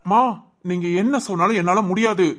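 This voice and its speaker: A woman's voice: mid-range voice, steady tone, a little fast, very noisy, natural voice. A woman voicing a young man in a cartoon family story, firm and pleading, with a southern Tamil Nadu accent. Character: young man, earnest, firm groom refusing to marry. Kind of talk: cartoon voice acting.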